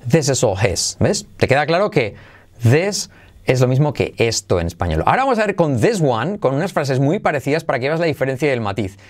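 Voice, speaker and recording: Male English teacher with a Spain Spanish accent, bilingual lesson, slow modeled phrases. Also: medium pitch, big pitch swings. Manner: slow, careful model phrases, asks "¿vale?" often.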